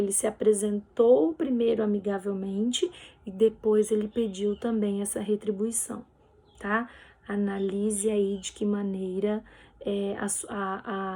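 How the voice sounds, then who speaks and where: A woman's voice: mid-range voice, dark tone, breathy edge. A woman teacher with a Brazilian Portuguese accent, going over exercise answers in a recorded lesson. She explains patiently and keeps checking in with her students. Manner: patient, explanatory, ends phrases with "tá bem?".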